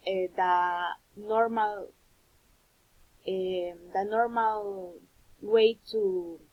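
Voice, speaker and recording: Her medium-pitched voice comes through with dull audio as this woman from Honduras records an English class, moving between Spanish and English in her explanations. Patient and unhurried, she says words again so pupils can imitate them, and her accent is Honduran Spanish.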